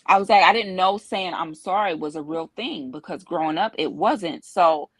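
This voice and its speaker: A woman's voice: lowish voice, normal speed, dry recording, poor audio. A woman in her thirties, a show co-host, telling personal stories and giving earnest relationship advice in a candid, conversational way. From Cincinnati area.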